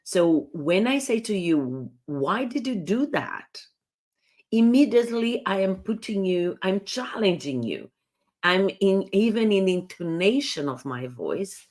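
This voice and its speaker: A woman's voice: mid-range voice, very animated, a little slow, darkish tone. A woman coaching live on handling difficult conversations, speaking in an earnest, explanatory way with frequent restarts. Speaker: communication coach.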